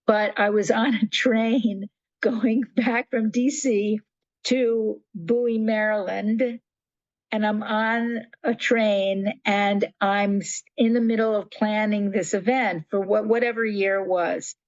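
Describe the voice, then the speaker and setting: A woman's voice: medium pitch, takes it slowly, no room sound, dull audio. An older woman telling stories as a guest in a conversational interview, restarting sentences and acting out quotes. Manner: animated storyteller, acts out quotes, restarts often. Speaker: guest, nonprofit founder.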